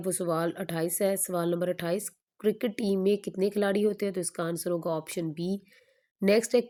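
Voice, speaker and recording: A woman teacher going through an exam paper question by question, stating each answer in a steady, explanatory way. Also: medium pitch.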